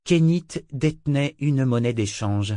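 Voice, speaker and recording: A man narrating a novel aloud in a measured, steady reading style. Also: mid-range voice, no room sound, studio quality. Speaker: audiobook narrator. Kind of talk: scripted narration with character voices.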